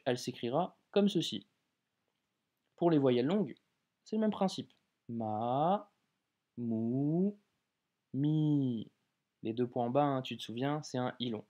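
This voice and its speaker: Male tutor, mellow voice, chatty and informal, slows down on sample words. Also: mid-range voice, animated. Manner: informal, addresses viewer as tu, drawn-out example words. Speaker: Arabic reading teacher. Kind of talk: casual video lesson.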